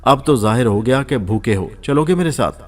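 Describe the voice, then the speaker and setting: A male narrator voicing a wealthy, gracious woman who is amused, coaxing and gently commanding, in a storybook reading. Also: mid-range voice, lively intonation, lightly acted. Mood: teasing.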